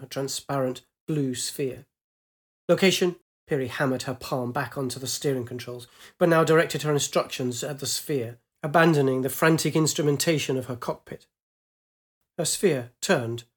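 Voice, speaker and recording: A man reading a science fiction story aloud in a measured, dramatic way. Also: a little high. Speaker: narrator.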